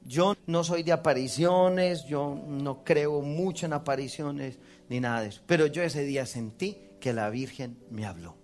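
A Colombian priest with a somewhat high, slightly mellow voice and Colombian Spanish accent tells his testimony as a story a little slowly, barely pausing. He acts out others' lines and laughs at himself, with faint music playing behind him.

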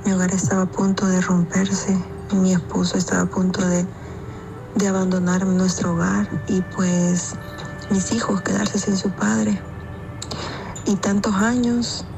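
A woman giving a customer testimonial in a steady, flat delivery. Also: medium pitch, creaky, poor audio. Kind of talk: read testimonial. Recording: music bed behind.

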